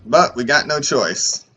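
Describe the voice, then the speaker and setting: Male streamer, unhurried casual game commentary, easy chuckles, light music under. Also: medium pitch. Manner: relaxed, chuckles often.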